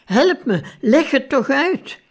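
A woman voicing an agitated, nervous male doctor who shouts and pleads to be believed, read slowly in an audiobook. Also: high voice, sing-song, pitched above the performer's own voice, full character voice. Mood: agitated pleading.

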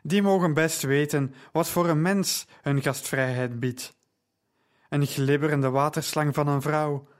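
A man reading the part of an angry, hostile man who speaks loudly and accusingly. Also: fairly high pitch, fairly even intonation, measured pace, close to an everyday voice. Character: angry red-faced man, blustering and hostile.

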